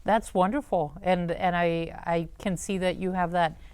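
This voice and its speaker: A woman hosting a talk show, interviewing in a conversational way with hesitant, halting phrasing. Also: lowish voice, steady tone, darkish tone, clear, resonant tone.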